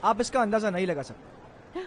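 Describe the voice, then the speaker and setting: A man's voice: sits high, expressive, moderate pace, a little hiss or hum. An actor playing a boastful, quarrelsome young nobleman in a dubbed drama. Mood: cocky. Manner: boastful, bickering. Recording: music behind.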